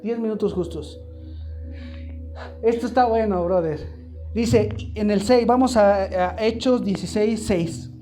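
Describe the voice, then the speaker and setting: A man's voice: high-pitched, a little slow, pauses often, warm tone, faint music behind. A man preaching a live sermon to a congregation, emphatic and throwing repeated questions at the room. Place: church hall, live congregation.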